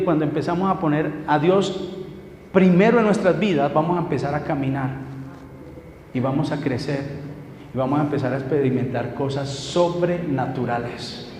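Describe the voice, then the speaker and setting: A man's voice: fairly high pitch, darkish tone. A middle-aged man preaching a sermon, telling stories emphatically and asking the congregation questions. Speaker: pastor. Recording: echoey hall with long reverb, faint noise.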